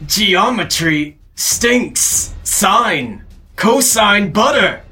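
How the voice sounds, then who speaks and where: A man voicing a grumbling character who talks through gritted teeth, strained and slow. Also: sits high, lively intonation, bright, forceful tone, faint music behind, voice pushed up, exaggerated voice. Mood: silly.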